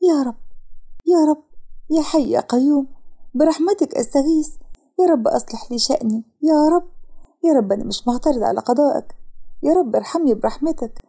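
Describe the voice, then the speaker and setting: A woman's voice: high-pitched, fairly quick, long pauses, dark tone, voice pushed up. A woman voicing a frightened, poor young woman with an Egyptian accent, pleading and tearful in a storybook narration. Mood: praying. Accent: Egyptian Arabic.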